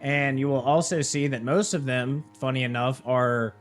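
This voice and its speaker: A man's voice: medium pitch, fairly even intonation, moderate pace, soft background music. A young man hosting a live trading session, walking through a platform in a casual way, with many fillers and tag questions. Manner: casual, filler-heavy, keeps asking "right?" and "okay?". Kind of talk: live screen-share walkthrough.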